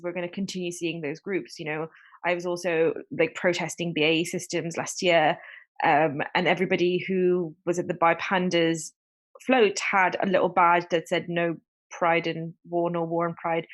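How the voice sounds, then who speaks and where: A woman talks earnestly in a livestreamed discussion, her voice sitting a little low. Her speech is loose and full of fillers as she makes her points. The sound comes through a home video-call mic. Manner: earnest, filler-heavy activist talk. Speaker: panel guest.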